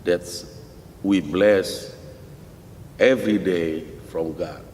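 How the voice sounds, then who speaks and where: A middle-aged Indonesian-accented man speaks with a very low voice and an unhurried pace, restarting his English phrases often. He sounds like he is in a roomy hall with a long echo. A faint rumble sits under his speech. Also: darkish tone. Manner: halting non-native English with many restarts. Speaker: missionary pastor, guest. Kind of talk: interview answers.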